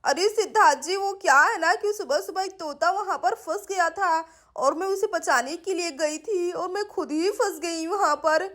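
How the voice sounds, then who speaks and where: A woman's voice: very high voice, moderate pace, few pauses, fairly bright tone. A woman voicing a clumsy young woman in a doll-play story, whiny and pleading. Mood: relieved.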